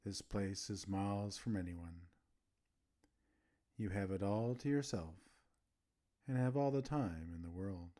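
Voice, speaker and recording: This meditation host is a man with a fairly low pitch, reading a scripted guided relaxation soothingly and pausing gently between phrases.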